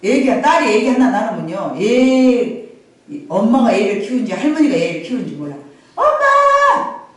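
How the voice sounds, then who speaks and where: A middle-aged woman pastor telling a Bible story in a lively, conversational sermon, repeating phrases and addressing the congregation directly. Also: a little high, fairly quick. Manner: animated, repetitive, conversational asides to the congregation. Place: church sanctuary. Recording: very echoey sanctuary, from far off.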